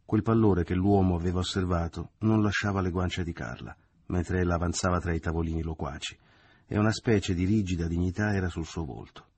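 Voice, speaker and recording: A man reading a novel aloud as audiobook narrator, in a measured, steady literary narration. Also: low-pitched, slightly rough, no room sound. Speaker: audiobook reader.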